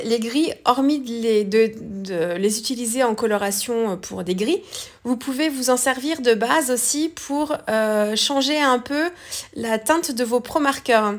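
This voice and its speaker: A woman talking through a coloring tutorial in a casual, hesitant way, with many fillers and self-corrections. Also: fairly high pitch. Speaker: craft tutorial host. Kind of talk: casual voice-over art tutorial.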